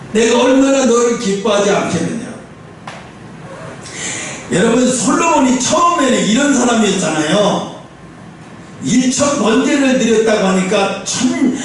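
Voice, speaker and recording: A male pastor preaching a sermon, telling the story with lively, acted-out lines of dialogue. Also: sits high. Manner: animated storytelling, acting out dialogue with God. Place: church sanctuary. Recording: echoey church hall, distant mic, faint noise.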